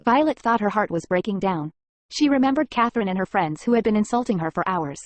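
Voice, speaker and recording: A woman narrating a comic story recap in an even, plain reading manner. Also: medium pitch, quick pace, no echo.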